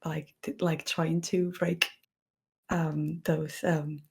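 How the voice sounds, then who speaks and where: A woman guest on a soft-spoken podcast, talking softly, slipping into whispers and giggling. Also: sits low, little pitch movement, slow pace, creaky, breathy edge. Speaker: guest ASMR creator.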